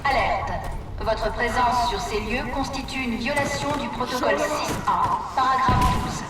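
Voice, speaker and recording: A woman voicing a cold, commanding female security system voice that gives formal, clipped warnings over a public-address loudspeaker. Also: fairly high pitch, a little slow, loud music behind the voice. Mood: stern warning. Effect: public-address loudspeaker announcement. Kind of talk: video game voice acting. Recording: echoey distant announcement over loud gunfire.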